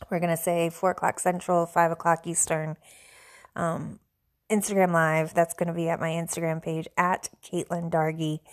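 A woman with a slightly low voice hosts a casual solo podcast, rambling along in a self-deprecating way. She sounds stuffy and a little hoarse. She is from the central United States. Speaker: podcast host.

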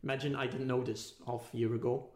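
A man's voice: medium pitch, level tone, quick pace. Echoey man thinking aloud in conversation. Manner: tentative, philosophical, searching for words. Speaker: podcast guest. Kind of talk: casual reflective conversation. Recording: echoey, roomy sound.

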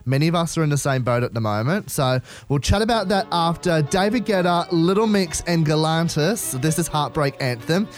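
A man's voice: a little high, animated, moderate pace, few pauses, faint music behind. A man with an Australian accent hosting a casual radio interview in an upbeat, effusive manner. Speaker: radio host.

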